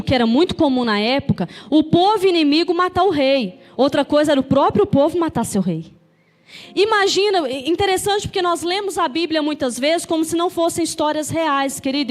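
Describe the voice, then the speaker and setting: A Brazilian woman pastor preaching a sermon, telling a story vividly and calling the congregation to say amen. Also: sits high. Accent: Brazilian Portuguese. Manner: storytelling, calls for amens from the congregation.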